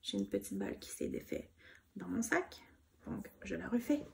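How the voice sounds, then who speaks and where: A woman with a Québécois accent chatting casually about her knitting projects, soft-spoken and gushing, with many fillers. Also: mid-range voice, wildly swooping pitch, moderate pace, vocal fry, a little hiss or hum. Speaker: knitting vlogger. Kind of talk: casual show-and-tell chat.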